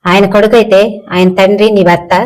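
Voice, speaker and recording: Woman demanding an answer, very flat tone. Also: medium pitch, brisk, rough recording. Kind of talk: angry rant.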